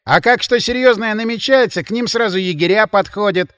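A man voicing a loud, sarcastic male drinking companion who lectures his friends. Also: high-pitched, a little fast, smooth, no echo, clean studio sound, pitched above the performer's own voice. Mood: sarcastic lecturing. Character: brash loud male bar companion, mocking.

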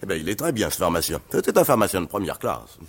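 An actor playing a jovial, excitable middle-aged husband who talks loudly and chortles, in a 1950s stage comedy. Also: male voice, sits low, fast, gravelly, breathy edge, exaggerated voice. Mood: eager.

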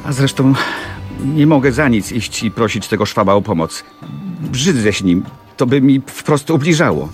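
A ruined young mill owner, bitter and proud, his voice a little raised above the reader's own, as a man reads him aloud. Soft music plays faintly under the audiobook reading. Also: mid-range voice, expressive, moderate pace, pitched above the performer's own voice, close to an everyday voice. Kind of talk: audiobook reading of a classic novel.

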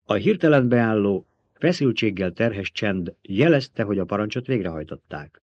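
A man narrating an audiobook in an even, steady reading, in a dull lo-fi recording. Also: on the low side, no room sound. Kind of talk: scripted narration.

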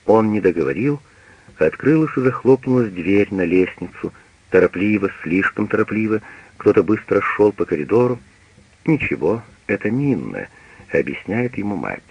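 A man narrates a novel with expressive drama, his low voice moving in lively swings of pitch. The tone is slightly husky and dry. It comes through dull and lo-fi, like an old radio broadcast. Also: moderate pace, no echo. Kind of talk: literary radio reading.

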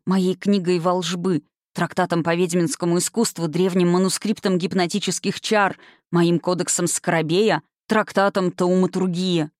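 A woman voicing a commanding witch who speaks in a quiet, even, imperious voice. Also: lowish voice, no echo, studio quality, lightly acted. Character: cold, commanding middle-aged witch.

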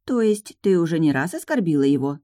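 A woman's voice: low voice, expressive, fairly quick, mellow, no echo. A woman voicing a small sardonic male dragon familiar who teases and lectures. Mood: teasing. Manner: teasing, dry, lecturing. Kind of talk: audiobook narration.

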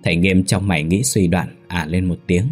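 A man narrating a ghost story in a steady, measured scripted telling. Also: sits low, soft background music.

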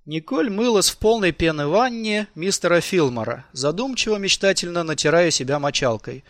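A man narrating an audiobook in an expressive, lively way. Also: sits high, moderate pace, no echo, clean studio sound.

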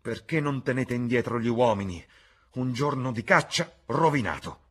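A man reading aloud, voicing an aristocratic man who shouts in alarm during a hunt. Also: medium pitch, sing-song, normal speed, slightly rough, voice pushed up. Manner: loud, exclaiming, raised voice.

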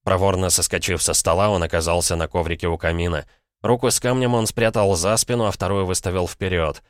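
A man narrating an audiobook in an even, measured way. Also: low voice, dry recording, studio quality. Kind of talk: scripted narration.

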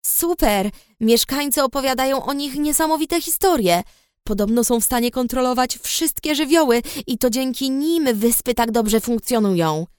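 Cheerful, eager young female friend in an audiobook; high and bubbly, voiced by the narrator. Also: lively intonation, normal speed, darkish tone, clean tone, dry recording, studio quality. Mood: excited. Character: excitable cheerful young woman, red-haired friend. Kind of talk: audiobook character voice.

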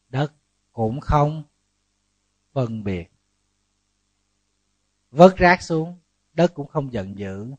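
A man, a Buddhist monk giving a lively, humorous sermon full of rhetorical questions. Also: a little high, no room sound, dull audio.

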